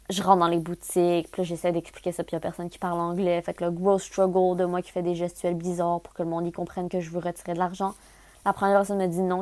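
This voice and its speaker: Young Québécois woman, lively storyteller slipping into English, dry booth sound. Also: fairly low pitch, no echo. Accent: Québécois French. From Quebec, Canada. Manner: animated, mixes in English words. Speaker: travel podcaster. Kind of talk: casual storytelling.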